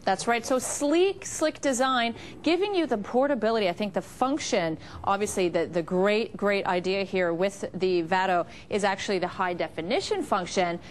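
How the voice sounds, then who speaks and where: A woman hosting a home shopping segment, pitching products live with gushing enthusiasm. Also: moderate pace, hardly any pauses. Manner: enthusiastic, gushing over features. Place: TV shopping studio. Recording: noticeable background noise.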